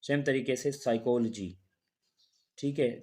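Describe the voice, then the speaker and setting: Mellow-voiced man patiently teaching a lesson. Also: mid-range voice, a little slow. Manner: patient, repeats rules and examples, asks and answers himself. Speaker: English teacher. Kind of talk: explaining a language lesson.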